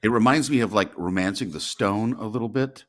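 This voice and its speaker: A man's voice: fairly low pitch, a little fast, fairly bright tone. A man giving casual movie commentary, sharing detailed film trivia with friends.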